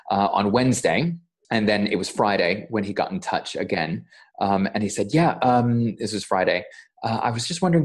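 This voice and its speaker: A man's voice: on the low side, a little mellow. A man, a voiceover coach, chatting as a podcast guest and retelling a mishap with lots of stammers and quoted dialogue. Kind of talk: casual interview storytelling.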